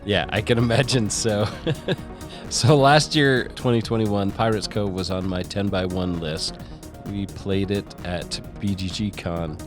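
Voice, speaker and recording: A man's voice: on the low side, fairly even intonation, unhurried, over music. A man co-hosting a board game podcast, explaining a game in a playful, joking way. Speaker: podcast co-host. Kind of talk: casual chat about board games.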